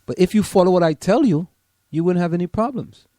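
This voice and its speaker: A man's voice: high voice, a little fast, dark tone, no echo. A man, a professor co-hosting an online radio show, talking emphatically and repeating words as he thinks aloud. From Trinidad and Tobago. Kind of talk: casual radio chat.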